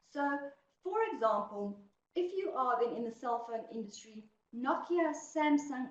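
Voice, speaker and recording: A woman lecturer explaining a textbook topic to students step by step, checking in often with "okay?". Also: a little high. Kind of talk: recorded lecture. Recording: echoey dull room recording.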